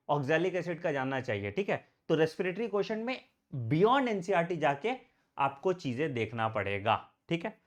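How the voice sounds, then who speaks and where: Male biology tutor, fatherly tone, frequent check-ins, exam prep lesson. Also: fairly high pitch. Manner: fatherly, calls students beta, frequent tag "theek hai".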